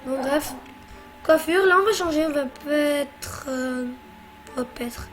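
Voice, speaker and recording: A high-pitched woman narrates her gameplay in a loose, chatty way. She teases and bosses her co-player as she goes, with faint music under her voice. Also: unhurried. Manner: chatty, bossy teasing. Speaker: let's play host. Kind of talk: casual gameplay commentary.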